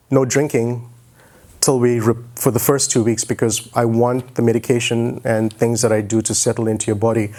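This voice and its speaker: A man in his forties whose first language is English gives an informal motivational talk as a guest speaker on an indoor auditorium stage. Speaking into a handheld microphone, he tells his story in a loose, conversational way with a joking streak. His voice is medium-pitched and slightly mellow.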